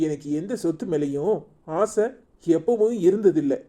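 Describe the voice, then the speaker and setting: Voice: mid-range voice, animated, normal speed, mellow, lightly acted. A performer voicing a protective young husband in a cartoon serial, with a Tirunelveli Tamil accent, scolding and coaxing by turns. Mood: reassuring. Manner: scolding then coaxing, repeats pleas.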